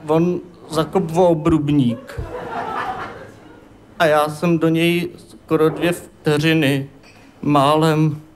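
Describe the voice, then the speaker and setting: Suchý komik s vysokým hlasem. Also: male voice, on the high side, long pauses. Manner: dry deadpan storytelling. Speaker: stand-up comedian. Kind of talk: deadpan stand-up monologue. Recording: live stage, loud laughing audience. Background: loud audience laughter and noise.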